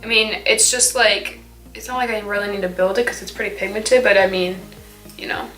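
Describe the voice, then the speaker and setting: This teen beauty vlogger has a mid-range, sharp voice with fairly even intonation and a brisk pace. She chats casually while doing her makeup routine, often saying "like" and leaving thoughts unfinished. Faint music plays in an echoey room.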